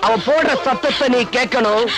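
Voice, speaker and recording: A gloating villain sneers and threatens in a raised, taunting voice, a man acting it. Loud music runs under the scene. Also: very high voice, moderate pace. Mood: menacing, gloating. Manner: menacing, taunting. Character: vengeful, gloating male villain.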